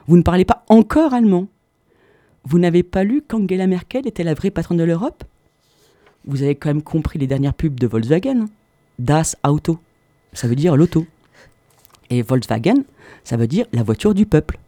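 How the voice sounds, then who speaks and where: A man's voice: a little high, dark tone, no echo. A man from southern France delivering a mock-serious, ironic radio comedy chronicle full of rambling asides, into a studio microphone. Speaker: radio columnist.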